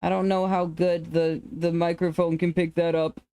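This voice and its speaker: A streamer with an androgynous to femme-sounding voice, chatting casually with viewers in a rambling, relaxed way. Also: medium pitch, moderate pace, smooth. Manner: relaxed, rambling, laughs often, restarts sentences.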